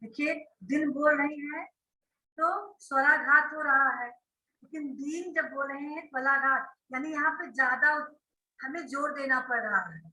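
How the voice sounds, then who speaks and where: A woman's voice: high voice, steady tone, unhurried, bright, forceful tone, echoey room, low-quality recording. A woman schoolteacher giving an online grammar class, explaining step by step and often checking that her students follow. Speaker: school teacher.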